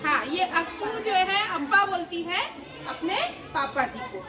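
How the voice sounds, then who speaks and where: A woman storyteller telling a puppet story to children, often pausing to ask them questions. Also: very high voice, over a noisy crowd. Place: large indoor hall. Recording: echoey hall from far off, children around.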